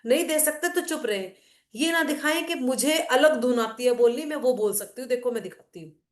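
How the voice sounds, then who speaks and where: Middle-aged woman giving a class, chatty and explaining stuff, a bit high voice, roomy echo. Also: animated, normal speed. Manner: conversational, explaining with anecdotes and asides. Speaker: teacher of a devotional class. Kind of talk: casual Hindi class talk mixing English.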